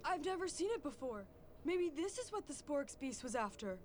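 An actress playing an earnest, brave young superheroine in a children's action series. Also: female voice, sits high, big pitch swings, fairly quick, a little hiss or hum. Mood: friendly, sincere.

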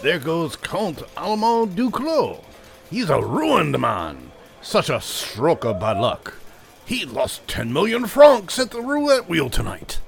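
A man's voice: fairly high pitch, huge pitch swings, slow, vocal fry, soft background music, exaggerated voice. A man voicing a bystander outside a casino who gossips in a matter-of-fact way. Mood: gossipy.

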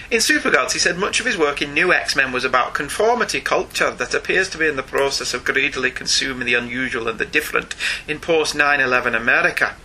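A man's voice: fairly high pitch, slight background noise. A middle-aged man hosting a podcast, reading listener emails in casual chat and laughing often. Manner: animated, laughs often, reads emails aloud.

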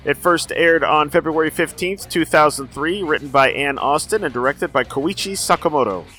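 A man's voice: a little high, normal speed, bright, forceful tone, soft background music. A man hosting casual, informal reaction commentary on television episodes, talking in a chatty way. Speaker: reaction host.

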